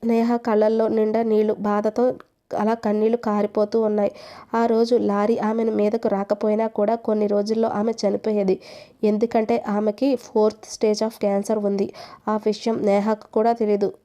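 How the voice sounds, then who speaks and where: A woman voicing a young husband, angry and loving, in an even, flat reading. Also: medium pitch, moderate pace, lightly acted. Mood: pleading.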